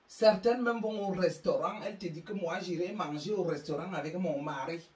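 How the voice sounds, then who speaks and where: A woman's voice: lowish voice, normal speed, darkish tone. A woman from Africa giving emphatic, scolding parenting advice to an audience, often stammering over repeated words, recorded in a roomy space away from the mic. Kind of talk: impassioned monologue to an audience. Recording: roomy sound, mic far off.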